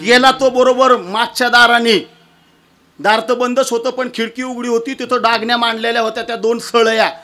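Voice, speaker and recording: A man from Maharashtra preaching a devotional kirtan sermon, telling stories in an animated, dramatic way that swings between loud and soft. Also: extremely high pitch, normal speed, soft background music.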